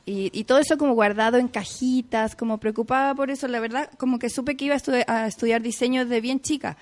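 A woman with a Chilean accent, talking casually in an interview, chatty, full of fillers and quick to laugh. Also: on the high side, fairly even intonation. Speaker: guest.

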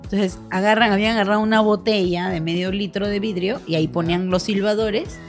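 With a Peruvian Spanish accent, a woman casually tells friends a funny family story, laughing often and imitating the voices of the people involved. Her medium-pitched voice is fairly even and fairly quick, with soft music in the background.

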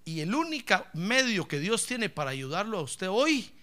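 Fervent high-voiced preacher. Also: male voice, sing-song, normal speed. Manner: fervent, joking, bursts into shouted praise, keeps calling the listener brother. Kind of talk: lively sermon.

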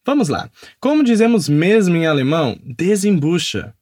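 A man's voice: fairly high pitch, big pitch swings, moderate pace, a little mellow, dry recording, clean studio sound. A man teaching a podcast language lesson. He enunciates repeat-after-me drills carefully and follows them with upbeat praise.

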